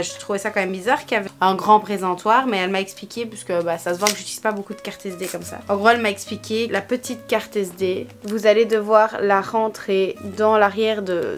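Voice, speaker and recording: A young woman vlogging casually from her bedroom, chatty and excitable, with a sore, dry throat. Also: mid-range voice. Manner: chatty, easily excited, exclaims and grumbles. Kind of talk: casual vlog chat. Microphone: camera mic.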